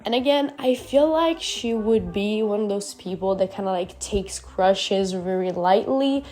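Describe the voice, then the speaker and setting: A woman's voice: medium pitch, a little slow. A young woman with a nasal voice from a cold, chatting casually and swearing a lot in a voiceover about her art. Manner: candid, swears often, rambling and animated. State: sick, nasal voice. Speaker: YouTube artist narrating a speedpaint. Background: faint background music.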